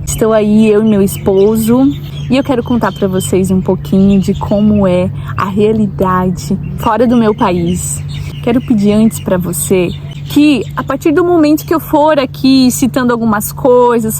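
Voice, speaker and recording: A woman's voice: mid-range voice, normal speed. A young woman from Brazil, vlogging in casual talk to the camera and often asking viewers questions. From Brazil, Santa Catarina. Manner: chatty, asks viewers directly, frequent tag questions. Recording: noticeable background noise.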